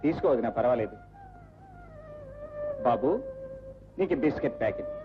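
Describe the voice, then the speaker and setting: A man's voice: medium pitch, animated, normal speed, noisy background, close to an everyday voice. An actor playing an earnest young son who defies his mother in an old film. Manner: earnest, defiant. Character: earnest young son refusing arranged marriage. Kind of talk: 1980s Telugu film acting. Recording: lo-fi film soundtrack with music.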